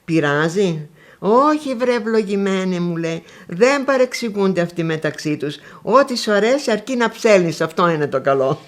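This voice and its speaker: Elderly woman telling old stories. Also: mid-range voice. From Konitsa area, northwestern Greece. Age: older. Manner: lively storytelling, acting out remembered dialogues. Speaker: interviewee. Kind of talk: recounting memories.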